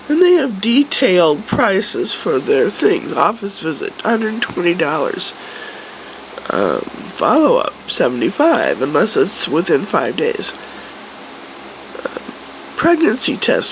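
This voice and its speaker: Hoarse, congested middle-aged woman, low and gravelly. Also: a little hiss or hum, poor audio. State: sick with a cold, congested and hoarse. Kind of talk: casual vlog chat. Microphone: phone or camera at arm's length.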